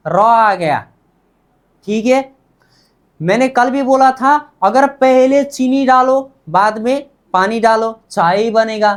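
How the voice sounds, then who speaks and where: A woman teaching a language lesson, asking the same questions again and drilling the answers back, the way a classroom teacher does. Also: fairly high pitch.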